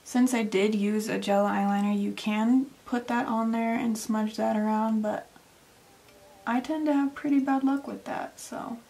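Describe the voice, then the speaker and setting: A woman's voice: a little high, steady tone, measured pace, gravelly, mellow. A young woman narrating a makeup tutorial in a casual, step-by-step way, sometimes dropping to a near whisper. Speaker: makeup vlogger.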